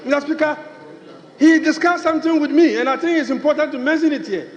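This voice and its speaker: A man's voice: extremely high pitch, fast talker, lo-fi sound. A man with a Ghanaian accent speaking in a parliamentary debate, insistently repeating his phrases. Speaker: member of parliament. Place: large parliament chamber. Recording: echoing chamber with crowd noise.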